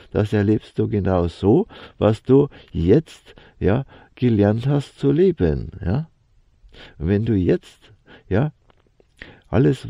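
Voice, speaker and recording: A man giving a slow, meditative spiritual talk, halting and searching for words and dropping a questioning "ja" into nearly every phrase. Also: on the low side, vocal fry, mellow, dry recording. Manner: fills his talk with a questioning "ja". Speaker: spiritual teacher. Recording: dull lo-fi sound, dry and close.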